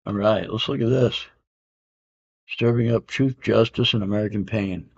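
A gravelly, low-voiced comic collector rambles casually at normal speed while unboxing an auction win, relaxed and full of "uh" fillers, saying "man" and "I can dig it." He's in a home room with comic art on the walls, captured in dull lo-fi home camera audio.

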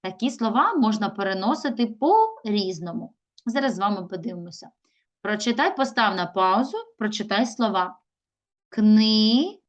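A middle-aged woman teaches young children in a recorded video lesson. Her voice sits in an ordinary middle range. She often slows down to stretch words out syllable by syllable. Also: medium pitch, very animated. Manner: slow, drawn-out syllables when sounding out words. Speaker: primary school teacher.

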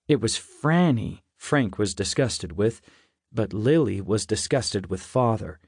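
A man reading a novel aloud in first person, in a measured and reflective way. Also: fairly low pitch, expressive, a little mellow, slightly rough, no echo, clean studio sound. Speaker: audiobook narrator. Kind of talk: scripted first-person narration.

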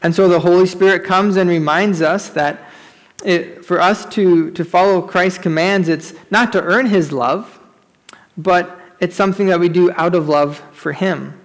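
A man preaching as pastor at a pulpit microphone in a church service, measured and repeating key phrases, with a halting, filler-laden prayer. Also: sits high, steady tone, long reverb tail. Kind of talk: sermon and prayer in a worship service. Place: church sanctuary during a service.

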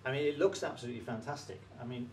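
A man's voice: mid-range voice, rapid-fire, a little hiss or hum. Effusive male cooking show host. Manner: effusive, praises the food while tasting. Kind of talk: casual cooking show chat.

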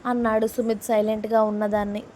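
A woman reading a serialized love story aloud and saying every character's lines herself in a plain, steady delivery. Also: fairly high pitch, fast talker, slight background noise.

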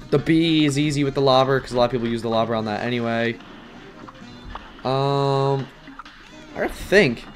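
A young man streams himself playing a game and chats the whole way through. He is casual and self-deprecating, full of fillers and sudden yelps, and his voice sits at an ordinary middle pitch. Game music runs faintly behind him. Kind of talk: casual gaming commentary.

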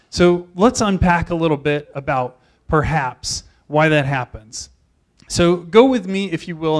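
A man in his thirties speaks to a conference audience in a slightly high voice. He tells his stories with energy and acts out the lines of the people in them. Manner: animated storyteller, acts out quoted voices. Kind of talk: storytelling keynote talk.

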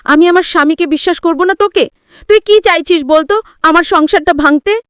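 A woman voicing a distraught elder sister who accuses and shouts through tears, in a read-aloud audio story. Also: high voice, normal speed, no echo, studio quality, lightly acted. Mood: angry.

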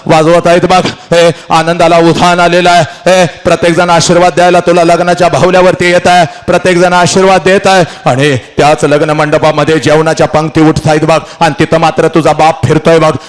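A man's voice: fairly high pitch, flat delivery, brisk, few pauses. A middle-aged man giving an emotional motivational lecture to a large audience, dramatic and repeating his phrases as he speaks straight to his listeners.

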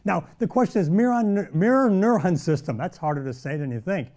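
An energetic middle-aged man teaches golf straight to the camera, his voice pitched high yet mellow in tone. He talks in punchy bursts and throws in sound-effect words as he demonstrates. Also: a little fast. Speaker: golf instructor and show host.

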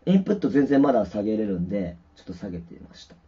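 A man's voice: lowish voice, sing-song, racing, mellow, husky. A man livestreaming from home, rambling casually with many fillers while checking his mic and guitar sound. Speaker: musician livestreaming. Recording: dull lo-fi stream audio with distortion.

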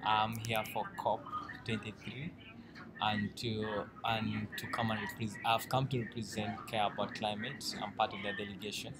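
A man's voice: on the low side, little pitch movement, moderate pace, heavy background noise. A young man from Uganda, a student, speaking earnestly into a handheld camera inside a conference hall. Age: young adult. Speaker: environmental science student. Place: indoors at a large conference hall. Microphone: camera at arm's length. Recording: loud conference hall background.

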